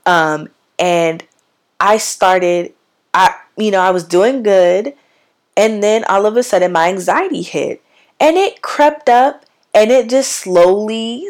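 A woman with a raspy, somewhat sick-sounding voice hosts a casual solo podcast. Her pitch sits on the lower side, and she talks bluntly, tossing in slang and emphatic asides. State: sick, hoarse voice. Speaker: podcast host.

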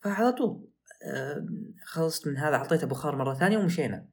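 Fast-talking man telling a story. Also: a little high. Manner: animated, excitable retelling with rising outbursts. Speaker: podcast host. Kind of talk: casual storytelling.

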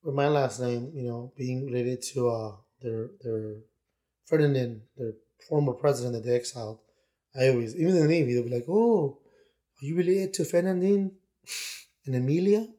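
Warm in tone and medium in pitch, another Miami podcast co-host keeps a moderate pace. He chats casually and loosely, often restarting his sentences and slipping into put-on voices for quotes.

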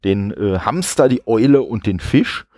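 A man's voice: on the low side, animated, a little slow, dark tone, dry recording, studio quality. Chatty man hosting a retro gaming podcast. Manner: chatty, many fillers, laughs often. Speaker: podcast host. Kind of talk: casual podcast chat.

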